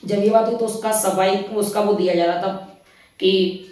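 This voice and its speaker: A man's voice: high-pitched, fairly even intonation, normal speed, a little mellow, far from the mic. Rambling man in a very echoey room. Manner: rambling, retells scenes in his own words, often resets with "anyway". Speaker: reality show commentator. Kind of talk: casual spoken review of a TV episode.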